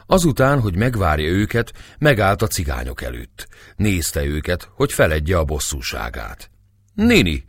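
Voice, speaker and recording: A man narrates an audiobook in a very deep voice, telling the story in a measured way. His pitch is lively and animated, and the sound is dry and close. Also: husky, dry recording. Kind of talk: audiobook narration of a historical novel.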